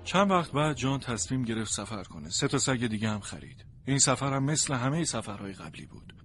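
A man narrating a storybook in the first person from a dog's point of view, in an earnest, expressive way. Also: medium pitch, faint music behind. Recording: noisy background.

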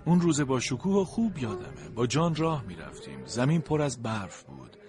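A man narrating a storybook in the first person from a dog's point of view, in an earnest, expressive way. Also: medium pitch, over music. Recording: noisy background.

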